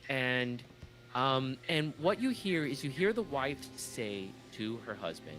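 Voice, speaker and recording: Young male GM, casual halting delivery, soft music bed behind. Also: mid-range voice, very animated, low-quality recording. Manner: loose, halting narration with many fillers. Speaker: game master. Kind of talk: narrating a tabletop game.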